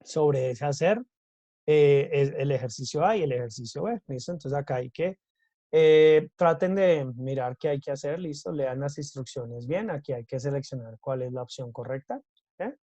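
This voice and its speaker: A man's voice: medium pitch, normal speed, dark tone, dry recording. Man teaching English, dry sound. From Colombia. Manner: switches between Spanish and English, checks in with repeated "listo?". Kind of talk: recorded class explanation.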